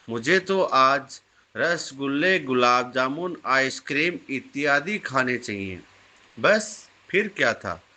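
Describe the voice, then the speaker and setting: A man calmly narrating a scripted moral story. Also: a little high.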